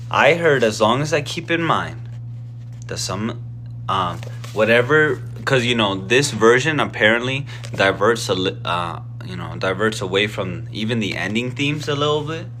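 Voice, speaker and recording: Bright-voiced rambling man in his twenties. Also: medium pitch, lively intonation, measured pace, slight background noise. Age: 20s. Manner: meandering, self-deprecating, lots of fillers and restarts. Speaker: live-stream book reader. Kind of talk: casual rambling chat to viewers.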